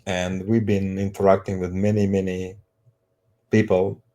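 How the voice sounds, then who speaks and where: A middle-aged man with an Azerbaijani accent introducing himself conversationally, speaking haltingly in non-native English phrasing. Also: low voice, flat delivery, warm tone. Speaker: street evangelist, co-presenter.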